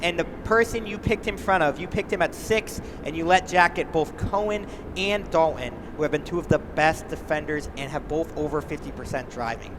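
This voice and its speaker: Host, male, high voice, pointed postgame questions, traffic noise clearly audible outdoors. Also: moderate pace, few pauses. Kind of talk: postgame press conference.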